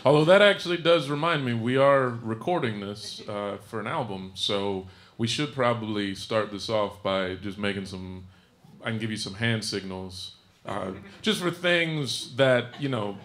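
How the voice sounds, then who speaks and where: A man's voice: lowish voice, a little slow. A man doing a stand-up set on a comedy club stage, bantering with the crowd in a dry, sarcastic way. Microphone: stage microphone. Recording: live album, loud crowd noise. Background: audience laughter.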